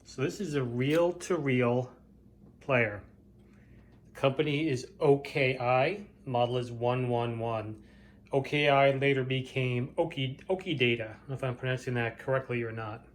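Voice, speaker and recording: This flea market reseller hosts his own vlog, doing an unscripted show-and-tell of products in a casual, matter-of-fact, plain-spoken manner. His voice sits in the mid-range and moves at a moderate pace.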